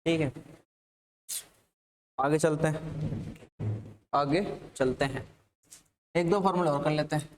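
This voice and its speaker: A male maths teacher with a Rajasthani Hindi accent lectures a class in a high voice, walking through formulas step by step. He speaks slowly and pauses often, repeatedly asking the students questions and then answering them himself. There is slight background noise.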